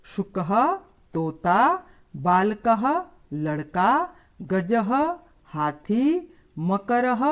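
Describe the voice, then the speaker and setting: A woman teaching a lesson to schoolchildren, explaining slowly and patiently. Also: a little high, a little mellow. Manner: slow, patient, addressing children. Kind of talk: scripted lesson.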